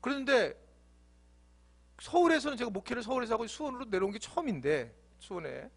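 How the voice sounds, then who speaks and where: A man's voice: very high voice, sing-song, fairly quick, vocal fry. A male pastor preaching a sermon in a church, playful and often laughing.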